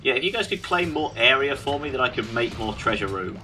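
A man's voice: mid-range voice, very animated, fairly quick, pushed and bright, faint music behind. A man with a British accent giving casual, sardonic, mock-grumpy gameplay commentary as a video host.

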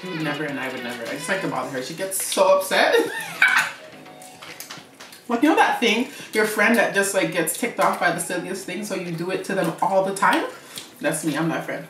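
Woman vlogger, mukbang chat, lively sing-song pitch, roomy sound from a mic set back, music underneath. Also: a little fast, far from the mic. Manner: chatty and teasing, talks while eating. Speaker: vlogger co-host.

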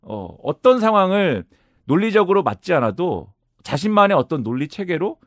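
Animated man explaining politics. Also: high-pitched, normal speed, no room sound, studio quality. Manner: explanatory, lively with sudden rises and drops. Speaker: political commentator guest. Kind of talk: analytical discussion.

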